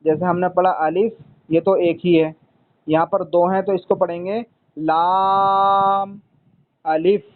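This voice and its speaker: A man's voice: high voice, steady tone, normal speed, narrow, tinny audio. A man teaching a student to read Arabic letters, patient and repetitive, often calling the student son. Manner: patient, repeats points, calls the student son. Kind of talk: one-on-one lesson.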